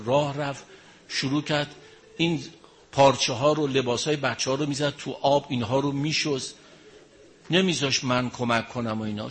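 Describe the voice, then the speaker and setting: A man's voice: mid-range voice, a bit bright. A man preaching, telling a mournful story in emotional, lamenting narration.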